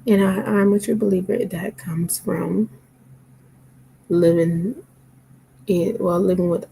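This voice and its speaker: A woman's voice: fairly low pitch, fairly even intonation, slow pace, vocal fry, warm tone, a little hiss or hum, rough recording. A tired, sleepy woman talking casually to camera, rambling with lots of fillers. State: sleepy, yawning.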